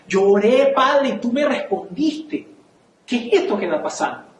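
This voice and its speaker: Animated Venezuelan man preaching. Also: very high-pitched, moderate pace, reverberant, rough recording. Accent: Venezuelan Spanish. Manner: storytelling, acts out dialogue, animated. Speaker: church speaker. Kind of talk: sermon testimony. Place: church.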